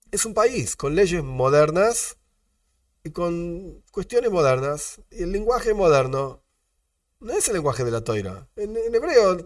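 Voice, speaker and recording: A man with an Argentine Spanish accent, teaching a religious lesson as a rabbi, animated, asking rhetorical questions and repeating his disclaimers. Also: on the high side, no room sound, clean studio sound, distant mic.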